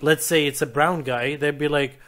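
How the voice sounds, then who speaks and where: A man's voice: fairly high pitch, fairly even intonation, fairly bright tone. A man from Saudi Arabia of Syrian heritage, co-hosting a podcast in a laid-back casual chat. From raised in Saudi Arabia, Syrian heritage. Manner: laid-back, quick agreeing interjections.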